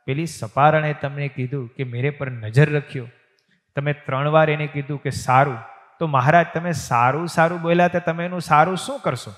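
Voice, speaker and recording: A man's voice: fairly high pitch, fairly even intonation, moderate pace, a bit bright, close to an everyday voice. A man voicing an earnest, devoted chieftain follower who questions his master. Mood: earnest questioning. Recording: long reverb of a temple hall.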